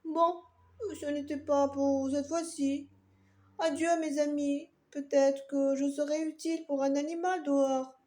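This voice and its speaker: Woman as a resigned, slow little storybook pepper. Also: high-pitched, level tone. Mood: resigned farewell. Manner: resigned, gently admonishing. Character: soft, resigned little bell pepper, kindly. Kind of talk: children's storybook character voice.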